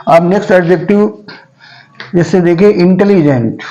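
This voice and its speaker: A male teacher giving a grammar lesson, saying each word slowly and repeating it several times so students can follow. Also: high voice, dark tone, muffled recording.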